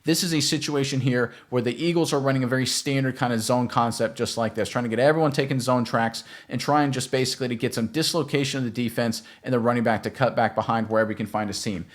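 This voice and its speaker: Fast-talking man breaking down game film. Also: mid-range voice. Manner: emphatic, coaching tone, addresses viewers directly. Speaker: football film analyst.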